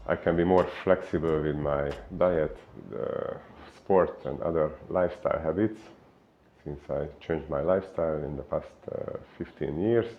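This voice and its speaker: A man from Hungary with a Hungarian accent, a fitness coach giving an unhurried explainer talk full of filler pauses. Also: a bass voice, muffled recording, slight background noise.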